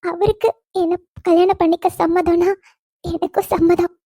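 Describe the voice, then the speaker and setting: A woman's voice: extremely high pitch, flat delivery, normal speed, mellow, no room sound, clean studio sound. A woman voicing a dutiful young woman who is devoted to her father, in a cartoon, speaking with earnest resolve. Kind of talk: cartoon voice acting.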